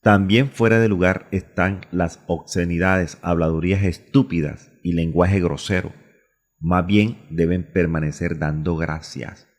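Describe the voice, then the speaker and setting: A man's voice: deep voice, steady tone, unhurried, long reverb tail. A man from Colombia preaching a radio sermon, asking himself questions and repeating phrases for emphasis. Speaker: pastor.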